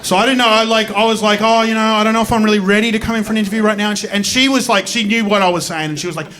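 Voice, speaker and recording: High-voiced Australian comedian, rambling. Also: male voice, fairly even intonation, very fast, pushed and bright. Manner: rambling, self-deprecating, swears freely. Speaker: stand-up comedian. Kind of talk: stand-up comedy storytelling. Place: comedy stage before a live audience.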